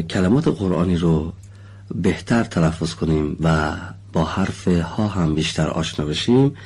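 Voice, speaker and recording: A man teaching the correct pronunciation of letters for Quran recitation in a studio lesson. He talks slowly and deliberately, models sounds carefully, and gives students polite encouragement. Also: sits low, mellow, breathy edge. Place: recording studio.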